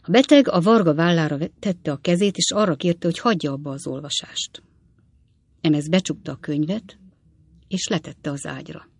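An audiobook narrator reads a classic novel in a measured storytelling manner. The voice is gravelly and sits in a middle pitch. The recording is dry and close to the mic. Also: no room sound.

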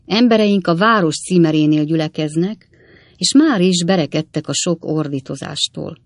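A medium-pitched, lightly acted audiobook reading, recorded dry, voicing Sam Weller, a witty, worldly young manservant. He spins tall tales offhandedly in a wry, lively storytelling manner.

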